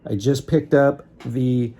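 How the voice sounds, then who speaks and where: A man's voice: medium pitch, fairly even intonation, slow pace, mellow. A man giving a casual, plain-spoken camera review, correcting himself as he goes, recorded on a phone's built-in mic. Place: outdoors at a busy roadside eatery. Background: traffic and chatter.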